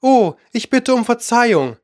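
A man's voice: high voice, lively intonation, unhurried, dry recording, studio quality. A man voicing a polite, curious young girl who talks eagerly and coaxingly.

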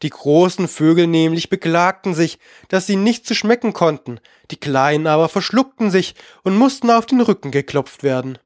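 Storybook narrator, measured and expressive, plain reading. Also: mid-range voice, no room sound, clean studio sound. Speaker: audiobook narrator.

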